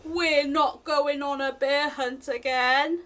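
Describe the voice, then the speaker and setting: Pitched high and read slowly, a woman's voice brings a children's picture book to life at library storytime. She talks straight to the little ones, with an expressive, singsong style.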